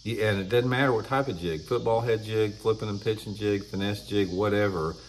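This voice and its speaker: Blunt, low-voiced man talking to camera. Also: brisk, slight background noise. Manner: blunt, opinionated, clears throat often. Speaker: fishing channel host. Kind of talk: casual talk to camera. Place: indoor room with shelves of tackle.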